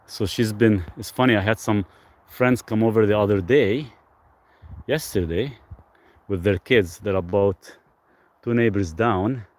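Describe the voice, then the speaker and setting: A Lebanese man hosts a casual live stream outdoors on rural off-grid land, filmed on a phone camera. His voice is on the low side, unhurried and often pausing, as he reads viewer comments aloud and responds.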